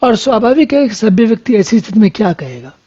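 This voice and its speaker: A scripture teacher who chants verses slowly and then explains each one in plain conversational talk. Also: mid-range voice, big pitch swings, dark tone, slightly rough. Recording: dull lo-fi recording.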